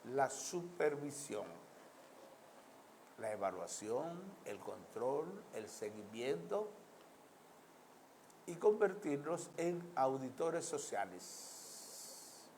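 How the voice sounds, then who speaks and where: A man's voice: mid-range voice, big pitch swings, drawn-out words, long pauses, a little mellow, slight background noise, rough recording. A man with a Dominican Caribbean Spanish accent giving social commentary in an emphatic, oratorical way, building repeated lists and asking rhetorical questions. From Dominican Republic. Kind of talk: political and social commentary addressed to the audience.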